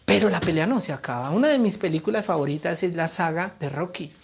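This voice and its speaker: A middle-aged male pastor giving a sermon, with an animated, playful delivery that acts out other voices. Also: on the high side, fast, gravelly, husky.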